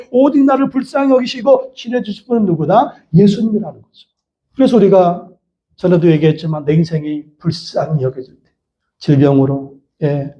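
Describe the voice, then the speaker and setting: A male pastor with a high, mellow voice preaches to his congregation. He repeats phrases and leads the people in shouted prayers. The sound is dull and lo-fi. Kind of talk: sermon.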